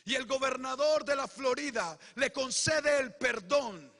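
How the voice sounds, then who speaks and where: A man preaching his testimony in a very high, bright, tense voice. He moves between hushed retelling and fervent shouting. His words ring with the long reverb of a large church hall. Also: a little slow. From Colombia. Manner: impassioned, swinging from hushed storytelling to shouted proclamation. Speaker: pastor.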